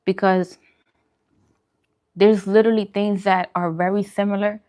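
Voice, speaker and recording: This vegan vlogger runs a mukbang livestream, casually answering her viewers with strong, opinionated food advice and phrases she repeats to drive points home. Her mid-range voice is flat, a little mellow, and unhurried.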